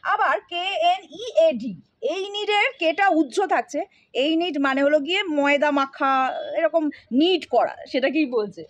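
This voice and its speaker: A woman's voice: sits high, animated, moderate pace, dry recording. A woman giving a casual spoken English lesson, talking straight to her learners and often checking that they follow. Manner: familiar, addresses learners directly with frequent checks.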